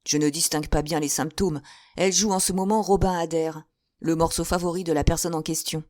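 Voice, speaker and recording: A woman voicing a charming, teasing young gentleman with a smooth, playful manner. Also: deep voice, fairly even intonation, fairly quick, dry recording, studio quality, close to an everyday voice.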